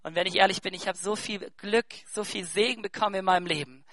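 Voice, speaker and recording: A man in his thirties preaching a sermon, swinging between soft asides and loud, emphatic bursts. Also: sits high, fast. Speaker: pastor.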